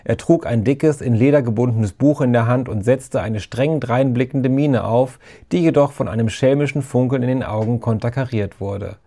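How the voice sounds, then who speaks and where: A man narrating a children's storybook in a calm, even reading. His voice is mellow and warm, sitting at an ordinary male pitch. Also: normal speed, hardly any pauses.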